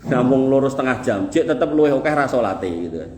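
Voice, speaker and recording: A man's voice: mid-range voice, expressive, fast, darkish tone. A man with a Javanese accent preaching a sermon to a congregation in a folksy, joking way, driving points home with rhythmic repetition. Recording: echoey room with faint noise.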